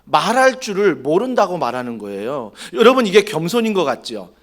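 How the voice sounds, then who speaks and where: A man's voice: sits high, very animated, fairly quick. A male pastor preaching a sermon in a church, acting out quoted lines and questioning the congregation. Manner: dramatic, acts out quoted dialogue, asks the congregation questions.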